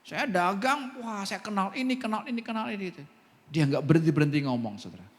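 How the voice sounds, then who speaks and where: A man's voice: sits high, fast. A man preaching a sermon as pastor, telling a story with lots of asides and laughter. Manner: lively storytelling with many asides, laughing often. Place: church hall. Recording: long church-hall reverb.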